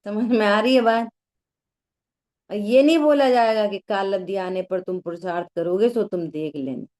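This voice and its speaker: A woman teaching a religious study class, explaining slowly and often asking the listeners questions. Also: medium pitch, darkish tone.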